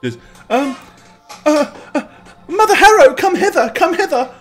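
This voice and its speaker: A game master voicing a timid, courteous nature-worshipping nun who speaks in halting, formal phrases for a tabletop game. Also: medium pitch, very animated, soft background music. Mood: calling out. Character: timid, polite, hesitant young nun of nature goddess.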